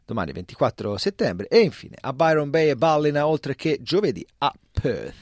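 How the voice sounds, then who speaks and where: A man's voice: on the high side, sing-song, normal speed, no echo. A man co-presenting a radio news program from a studio, reading scripted links. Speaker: radio co-host. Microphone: studio mic.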